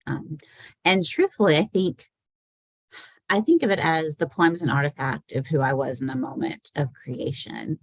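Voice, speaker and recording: During a poetry reading with conversational questions, a woman who writes poems and edits anthologies reflects loosely on her work, often questioning herself. Her voice is deep and unhurried at a moderate pace, with no audible room sound.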